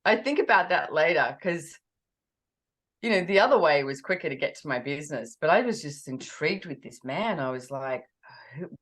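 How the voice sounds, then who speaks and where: Woman, interview guest, very low voice, lively storytelling, acts out quotes. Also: moderate pace. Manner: animated, acts out her own quoted words.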